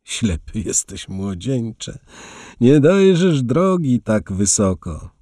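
Man playing an amused older writer in a storybook, low husky voice. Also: very animated, slow, dark tone, no echo, clean studio sound, exaggerated voice. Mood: wry. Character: older famous male writer, wry and amused.

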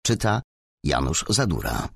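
A man narrating an audiobook in an expressive, animated reading. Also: rumbling low, unhurried, creaky, slightly rough, no echo, studio quality.

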